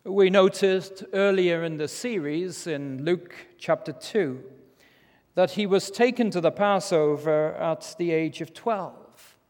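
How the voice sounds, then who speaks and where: Male British preacher, lisping slushy s, high-pitched, solemn and measured, long hall reverb. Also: a little mellow. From Britain. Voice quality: lisp, slushy s. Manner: measured, solemn, rhetorical pauses. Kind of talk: formal expository sermon.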